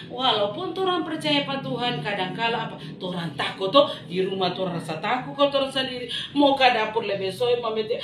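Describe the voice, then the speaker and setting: Sunday school teacher, woman, Manado Malay accent, high voice, roomy echo, animated Bible storytelling. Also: slight background noise. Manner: animated, asks the children questions. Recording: echoey room.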